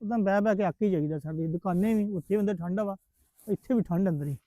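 A man's voice: sits high, fast, mellow, dry recording. A man chatting in an easygoing, plain-spoken way in a family vlog drama. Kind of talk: casual Punjabi family vlog acting. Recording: slightly dull, lo-fi sound.

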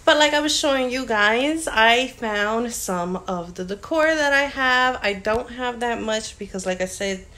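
A woman's voice: a little high, lively intonation, unhurried, hardly any pauses, sharp tone. A young woman chatting casually to her phone camera at home, rambling with plenty of fillers as she vlogs. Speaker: lifestyle vlogger. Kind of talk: casual vlog chat. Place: living room, indoors. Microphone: phone camera held at arm's length.

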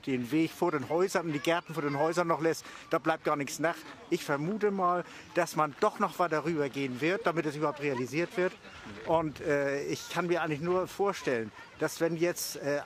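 Older guy on a lawn outside, high-ish voice, keeps restarting, bit of background noise. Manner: hesitant, restarts often while arguing his point. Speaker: local resident interviewed. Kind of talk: street interview. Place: outdoors on a park lawn by the sea.

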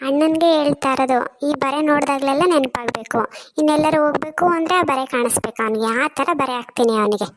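A woman's voice: sits high, fast talker, background noise, lightly acted. A woman voicing a scolding, exasperated village mother in a cartoon. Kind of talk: cartoon voice acting.

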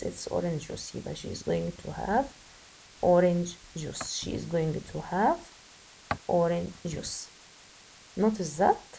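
A woman with an Egyptian Arabic accent teaching an English grammar lesson, switching between slow English and quick Arabic explanations. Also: medium pitch, vocal fry, warm tone, slight background noise, low-quality recording.

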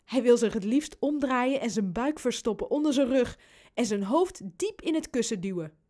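A woman reading a children's storybook aloud, in an expressive, unhurried storytelling manner. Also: a little high. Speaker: audiobook narrator.

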